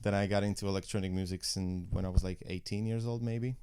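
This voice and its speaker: Man from slovakia, deep flat voice, gravelly, smooth tone, relaxed podcast guest, late twenties. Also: quick pace. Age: late 20s. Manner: relaxed, lots of fillers like "you know". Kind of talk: casual podcast interview.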